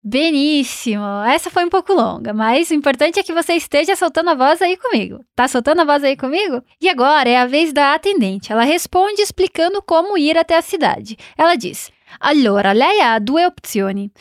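A woman teaching a recorded language lesson. She encourages the learner and slowly models pronunciation for them to repeat. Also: sits high, lively intonation, dry recording, studio quality.

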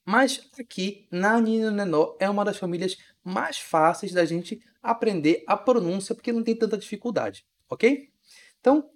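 A language teacher gives a recorded video lesson, repeating each word slowly and often checking that the learner understands. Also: mid-range voice.

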